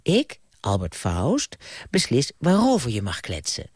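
A man's voice: medium pitch, huge pitch swings, measured pace, slightly rough, dry recording, heavily acted. Man voicing a persuasive, domineering TV boss, dry close sound. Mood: commanding. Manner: self-important and persuasive. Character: smooth-talking male TV boss, domineering.

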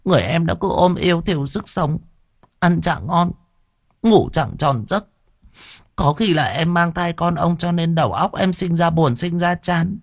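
A man's voice: on the high side, unhurried, creaky, no room sound, clean studio sound, voice pushed up. A man voicing a scheming middle-aged stepmother who screeches, wails and nags. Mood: wheedling. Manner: screeching, wailing, nagging.

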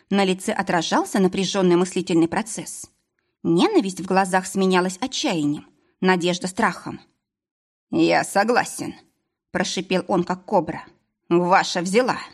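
A woman narrating a novel in the first person with a wry, sarcastic manner. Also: fairly low pitch. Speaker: audiobook narrator.

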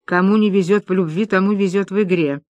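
A brash, impulsive woman who blurts out whatever she thinks, as an audiobook narrator voices her. Her lines come at a middle pitch with a dry, close sound. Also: steady tone, a little fast, dry recording, dull audio, natural voice. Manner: tactless, fervent whispering.

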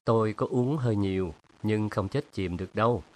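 A moody young painter who answers curtly with a sardonic edge, voiced by a man reading a story. His voice is lowish and restrained. It is a storybook reading. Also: brisk, darkish tone, lightly acted.

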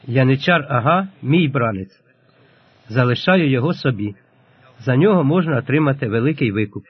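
A man voicing a stern older male Cossack chieftain, commanding and resolute, read in a husky voice on a lo-fi recording. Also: medium pitch, expressive, normal speed, dry recording. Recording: lo-fi dull audio.

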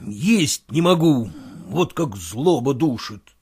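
A man's voice: medium pitch, very animated, slow pace, darkish tone, husky, exaggerated voice. A man reading aloud, voicing a flustered, indignant middle-aged merchant in a storybook. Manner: agitated, indignant outbursts.

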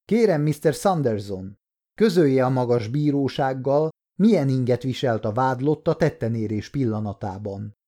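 A man's voice: mid-range voice, lively intonation, dark tone, natural voice. A man voicing a male prosecutor questioning a witness formally in an audiobook story.

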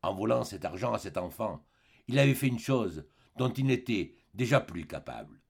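A man reading a classic novel aloud as an audiobook narrator, with an expressive, dramatic delivery. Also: on the low side, normal speed, gravelly, slightly rough. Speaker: audiobook reader. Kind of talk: scripted narration.

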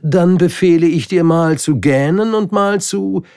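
A man voicing a pompous old king in a storybook, giving loud commands. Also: sits high, a little slow, smooth, no room sound, clean studio sound, voice pushed up. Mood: commanding. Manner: commanding, declaiming orders. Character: pompous old king, bossy but kindly.

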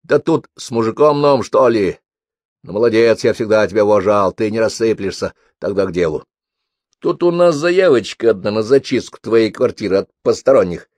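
A man's voice: fairly low pitch, expressive, moderate pace, a little mellow, dry recording, close to an everyday voice. A male audiobook reader voicing a coarse, sniffling middle-aged gang boss who grumbles down the phone. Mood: gruff.

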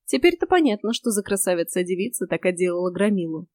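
A woman narrating a fantasy audiobook in a lively, wry first-person voice, close to the mic. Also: medium pitch, quick pace, dry recording.

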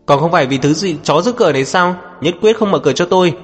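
Brief: man doing fiery young woman, mayor's daughter, shrill and shouting, audiobook with reverb. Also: little pitch movement, measured pace. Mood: shouting angry. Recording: long reverb with background music.

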